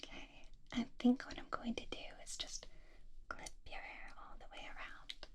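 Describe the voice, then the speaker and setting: A woman whispering as gentle, doting Belle. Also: lightly acted. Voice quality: breathy whisper. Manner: slow, tender, reassuring personal attention. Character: gentle, doting young woman grooming a beast. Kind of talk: ASMR roleplay, soft-spoken whisper.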